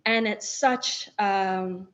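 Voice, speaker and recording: A woman's voice: mid-range voice, fairly even intonation, drawn-out words, fairly bright tone, highs cut off. A woman doctor, a guest in an interview, speaking in an earnest, grateful, inspirational way. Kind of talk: conversational interview.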